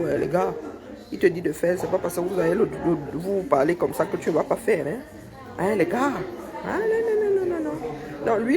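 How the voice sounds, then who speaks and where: A woman with a Cameroonian French accent who films her coworkers on her phone in a workplace break area. She talks loudly and teases them with joking banter. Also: fairly low pitch. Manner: loud, teasing, joking banter. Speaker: vlogger filming coworkers. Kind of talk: casual workplace vlog chat. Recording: coworkers chatting in the background.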